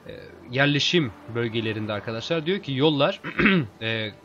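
A man casually commenting on a video game as he plays, chatting with his viewers as friends and getting excited in fights. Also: mid-range voice, normal speed, highs cut off, crowd noise. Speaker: let's play host.

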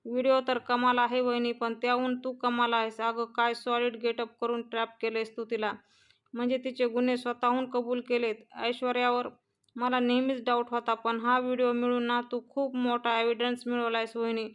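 A nervous, eager young man, read aloud by a woman in a serial recap. The voice sits high, clear and smooth, and the lines come out almost without melody. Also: completely flat delivery, normal speed, muffled recording, natural voice. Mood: impressed. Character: man in his thirties, anxious, eager to help.

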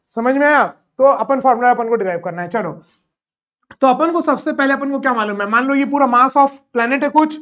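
A man teaching a physics lesson in Hindi mixed with English terms. He keeps asking questions and answering them himself, and he slows right down when dictating. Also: extremely high pitch, fairly bright tone, highs cut off. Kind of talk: classroom physics lecture.

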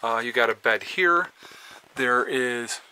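A man's voice: medium pitch, slow pace, bright, forceful tone, smooth. A man giving a casual, rambling walkthrough of an old camper, talking straight to viewers from a handheld camera outdoors and inside. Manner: loose, rambling, addresses viewers directly. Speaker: homestead vlogger.

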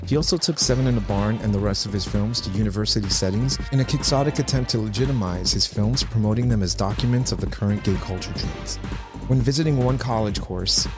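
Low-voiced man narrating a video essay. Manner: measured, informative. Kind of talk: scripted narration. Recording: voice-over with music underneath.

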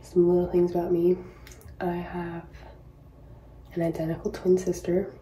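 A woman's voice: lowish voice, monotone, moderate pace, mellow, reverberant, slight background noise, rough recording. A woman in her twenties from Hawaii, chatting casually to camera while getting ready in a small bathroom, with rambling, self-mocking asides. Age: 20s. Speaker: professional tennis player vlogging. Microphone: built-in camera mic, laptop or phone close up.

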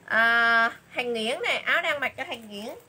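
A woman doing a livestream sales pitch for clothes, chatty and repeating item names and prices again and again. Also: lively intonation, a little slow, sharp tone, slightly rough. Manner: chatty, calls viewers "dear sisters".

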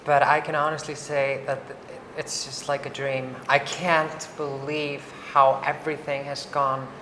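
Low-voiced and talkative, an Icelandic woman is interviewed casually, her level tone fairly bright and her pace measured, with plenty of fillers and restarts. She's on a lapel mic in a large bright hall with wood screens, and the recording carries roomy echo, faint ambience and slight background noise.

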